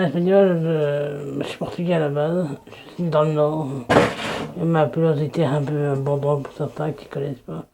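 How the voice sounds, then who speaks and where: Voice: medium pitch, vocal fry, a little mellow. A video creator giving a casual, rambling self-introduction to viewers as a DJ persona, often restarting sentences.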